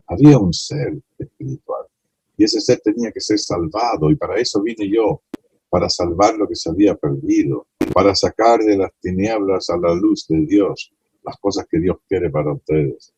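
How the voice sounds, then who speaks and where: A man's voice: low voice, dark tone, husky, no room sound, rough recording. A man preaching a sermon to a small congregation, passionately acting out the scene he tells. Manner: impassioned, acts out the blind man's pleas.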